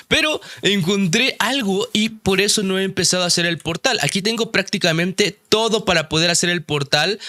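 A young man doing excitable live gameplay commentary, talking straight to his viewers and breaking into surprised exclamations. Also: high-pitched, dry recording, clean studio sound. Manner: addresses viewers directly as friends. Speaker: gaming video creator.

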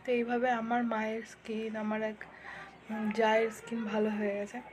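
A young mother, chatting casually in a home vlog, speaking softly so as not to wake her husband, with many fillers. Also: fairly high pitch, completely flat delivery, moderate pace, a crowd in the background, poor audio. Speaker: vlogger and mother. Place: sunny home balcony. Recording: clear background noise.

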